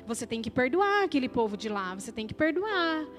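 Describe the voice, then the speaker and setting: A woman's voice: sits high, very animated, brisk, faint music behind. A Brazilian woman voicing a stern, scolding divine inner voice that repeats itself insistently. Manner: insistent, repetitive.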